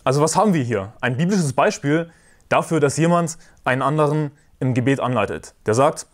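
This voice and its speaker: A man preaching a sermon in a forceful, combative way, repeating his points and references. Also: fairly high pitch, animated, brisk.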